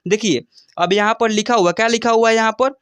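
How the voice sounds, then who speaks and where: A patient English teacher with a high, steady, slightly bright and smooth voice gives a basic alphabet lesson in a dry recording with no echo. He goes slowly and repetitively, stretching out letter names for recitation and often checking in with "ठीक है?".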